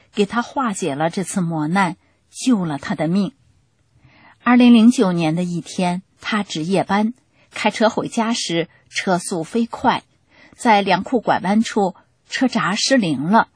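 A woman reading a testimony aloud in a steady, plain storytelling way. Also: mid-range voice, husky, no echo.

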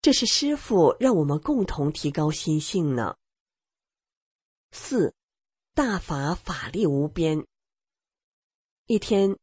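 A middle-aged woman with a low, very husky voice narrates her own testimony at an unhurried pace. Her pitch moves a lot as she acts out the lines of the people in her story. The recording is dry, with no room sound. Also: a little mellow, no echo. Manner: plain storytelling, acts out quoted dialogue. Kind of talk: read-aloud personal testimony.

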